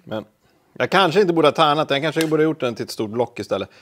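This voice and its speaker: A man's voice: on the high side, animated, a bit bright, a little hiss or hum. Chatty man cooking at home. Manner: chatty, talks to camera while cooking, self-deprecating asides. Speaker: home cooking video host. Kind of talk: casual cooking demonstration. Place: home kitchen.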